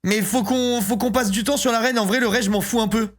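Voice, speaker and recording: A man in his thirties chatting casually on a live stream, excitable and rambling, often breaking into giggles. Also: very high voice, a little fast, soft background music. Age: 30s.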